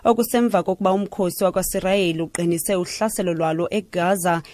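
A woman's voice: on the low side, fairly even intonation, fast talker, a little mellow, no room sound. A woman with a South African Xhosa accent reading scripted radio news as the presenter.

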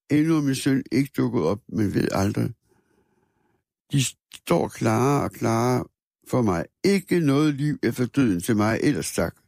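Gravelly man reading a somber story. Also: medium pitch, a little mellow, no echo, studio quality. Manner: measured, somber reading with small restarts. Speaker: narrator. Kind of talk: first-person literary narration read aloud.

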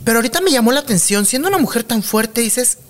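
A man's voice: extremely high pitch, expressive, fast. Man interviewing, supportive. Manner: friendly, supportive questions. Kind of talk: casual interview.

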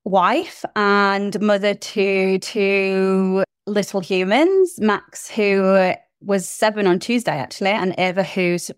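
A British woman in her thirties appears as a podcast guest, chatting enthusiastically about her small business in a casual interview and laughing easily. Her mid-range voice, with fairly even intonation and a slow pace, is clean and dry in studio-quality sound.

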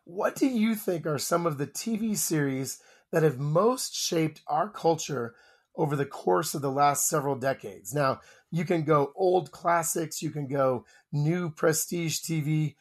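Male podcast host, upbeat, husky with some fry. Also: a little high, a little slow. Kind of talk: casual chat.

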